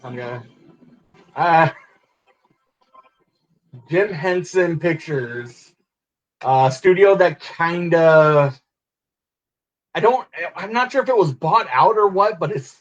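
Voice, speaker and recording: Over a distorted internet call from a laptop, a podcast host rambles and laughs his way through a casual watch-along chat. His voice is on the high side and animated, but he takes it slowly with long pauses, and the highs are cut off.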